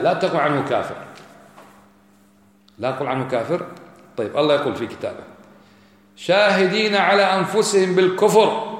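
Male preacher, argumentative delivery, heavy echo from a large hall. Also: fairly high pitch. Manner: argumentative, rhetorical questions. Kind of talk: religious lesson. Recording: echoey hall.

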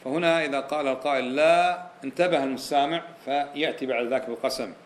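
Talking very fast in a steady, medium-pitched voice, a religious teacher works point by point through a lesson on Quranic exegesis. He poses rhetorical questions to his audience and keeps repeating key phrases.

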